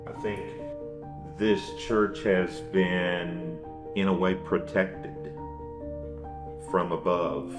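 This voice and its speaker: A man's voice: deep voice, fairly even intonation, very slow, long pauses, music in the background. A man from a local historical society speaking thoughtfully in an interview inside a church. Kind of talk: documentary interview.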